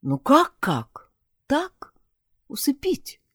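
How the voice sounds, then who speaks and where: A woman's voice: high voice, wildly swooping pitch, extremely slow, fairly bright tone, no room sound, studio quality, pitched above the performer's own voice, heavily acted. Woman doing a somber worried woman. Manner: somber, reluctant.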